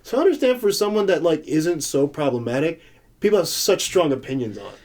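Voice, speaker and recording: A young man in casual podcast conversation, speaking earnestly. He pauses and restarts as he works through his thoughts. His voice is a little higher than most men's. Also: big pitch swings, a little mellow. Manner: earnest, halting, many fillers. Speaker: podcast co-host. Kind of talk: casual chat.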